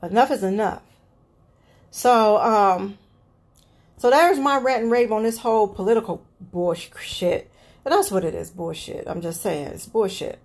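With a mid-range voice and a slightly slow delivery, a podcast host from the Cleveland area vents about politics on her solo show. She's blunt, exasperated, and swears a lot.

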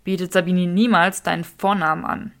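A woman's voice: on the low side, fairly even intonation, brisk, fairly bright tone. Woman doing Draco, snappish young wizard. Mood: irritated. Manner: clipped and snappish, raised voice. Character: wizard man Draco, irritable, proud, jealous.

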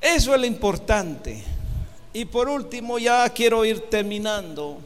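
A male preacher with a high-pitched voice delivers a fervent sermon. He swells to loud exhortations and leads the congregation in call and response. The sound rings with long reverb from a large hall. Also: sing-song, measured pace.

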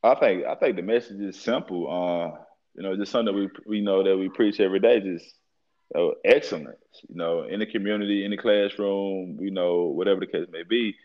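A man's voice: low-pitched, fairly quick. A young man, a head football coach, talking casually in an interview, leaning on fillers and repeated phrases. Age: young adult. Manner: relaxed, repeats fillers like "at the end of the day". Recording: dull lo-fi sound.

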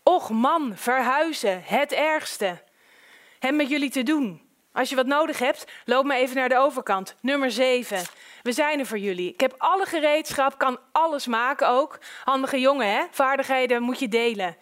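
A woman voicing a big, overfamiliar male neighbor in an audiobook, with a hearty, boisterous way of talking. Her voice rises and gets louder for him. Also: sits high, normal speed. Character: loud jovial pushy male neighbor, big.

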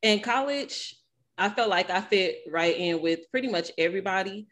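A woman's voice: mid-range voice, moderate pace, a bit bright. Outgoing woman with a country Arkansas accent. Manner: outgoing, talkative. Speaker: host. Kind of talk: casual discussion and storytelling.

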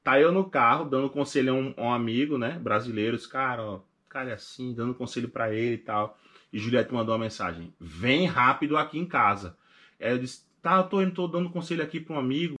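A young man with a Pernambuco accent, a podcast guest in casual chat, telling his story with animated retellings of past conversations. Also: mid-range voice, fast talker. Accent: Pernambuco Portuguese. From Recife, northeast Brazil. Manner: animated, acts out past conversations in quoted voices.

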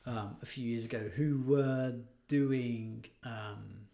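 A man's voice: mid-range voice, fairly even intonation, slow pace, vocal fry, warm tone. A man in casual chat as a podcast co-host, telling anecdotes and agreeing often. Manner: anecdotal, agreeable, frequent "yeah" and "you know".

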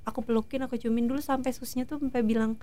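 A woman in her thirties, a guest in a casual interview, telling stories in a lively way and acting out what others said. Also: a little high, very fast. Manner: lively storytelling, acting out quoted voices.

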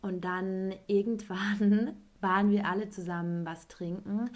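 A woman's voice: medium pitch, steady tone, unhurried. A woman in her twenties, a podcast host, telling a personal story in casual chat and acting out what others said. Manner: rambling storytelling, acts out others with 'und ich so'.

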